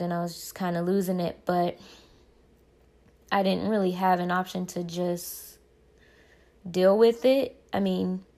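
Young woman vlogging, lowish gravelly voice, kinda rambly, keeps correcting herself. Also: darkish tone. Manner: rambling, self-correcting, faith-focused. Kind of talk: casual personal storytelling.

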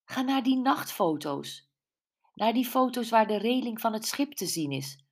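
A woman voicing a lively, affectionate woman in her forties in an audiobook. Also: on the high side, unhurried, pitched above the performer's own voice, full character voice. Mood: urgent. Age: 40s. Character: lively woman near fifty, a warm best friend.

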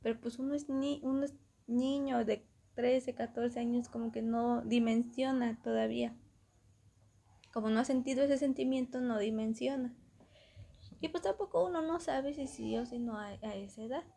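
A young woman with a Mexican Spanish accent tells a story in a casual chat. Her voice sits high and husky, with a gravelly fry at the ends of phrases. She talks in an animated way, laughs often and acts out the other people's lines. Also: normal speed.

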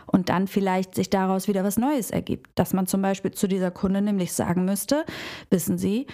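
A woman talks through a self-help lesson in a warm, mellow voice. She speaks straight to the listener, drawing on everyday examples from her work as a hairdresser. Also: medium pitch, steady tone, brisk. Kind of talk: reflective self-help talk.

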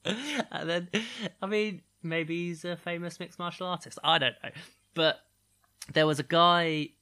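Gravelly British man telling a story. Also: a little high, a little slow. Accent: British English. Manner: animated storyteller, laughs often, mimics voices. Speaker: podcast co-host. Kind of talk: casual chat.

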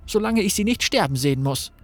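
A man's voice: high voice, lively intonation, a little fast. A man reading the lines of a grim, determined young woman warrior in a game story.

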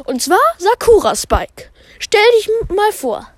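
A bossy female schoolteacher, as a woman narrator puts her on for a homemade audio drama, calling out singsong orders to the class. The voice jumps well above the performer's own and is slow and deliberate. It is heard close and dry. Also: very high-pitched, big pitch swings, no echo, voice pushed up, full character voice. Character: strict, cheerful female schoolteacher. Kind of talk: amateur fan audio drama.

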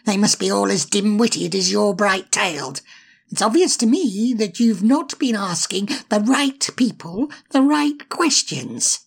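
A woman voicing a sly, spiteful male imp in a storybook, mocking and insulting in a raspy, put-on voice. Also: animated, a little slow, exaggerated voice. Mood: taunting. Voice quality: gravelly, raspy. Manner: mocking, sneering, darts between whispers and shrill taunts. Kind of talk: storybook reading.

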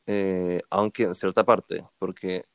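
Low-voiced young Chilean man, slangy. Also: takes it slowly, gravelly, clean tone, no echo. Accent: Chilean Spanish. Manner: relaxed, loose slang-filled talk. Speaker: podcast co-host. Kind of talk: casual chat.

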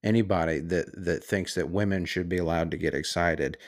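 Male podcast host with a deep voice, heated and mocking solo rant, swears freely. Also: fairly even intonation, a little fast. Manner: heated, sarcastic, profane.

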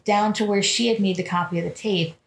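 A woman's voice: mid-range voice, fairly even intonation, brisk, vocal fry. A woman co-hosting a podcast, chatting casually as she recaps a film and acts out the characters' lines. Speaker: podcast co-host. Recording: roomy echo.

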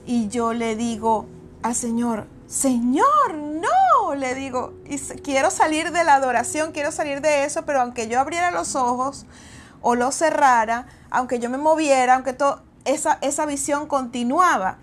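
High-voiced woman sharing a testimony. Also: normal speed, soft background music. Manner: earnest, storytelling with frequent restarts. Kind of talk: personal testimony and exhortation.

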